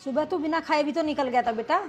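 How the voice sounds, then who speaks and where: A middle-aged woman playing a mother who defends her daughter-in-law and scolds her son, reasoning gently. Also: high-pitched, fast talker, soft background music, close to an everyday voice. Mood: calm. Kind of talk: family drama short.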